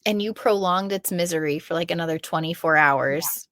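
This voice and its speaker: A woman's voice: on the low side, normal speed, fairly bright tone, no echo. A woman in her thirties co-hosting a podcast, talking in casual chat with dry, self-deprecating humor. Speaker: podcast co-host.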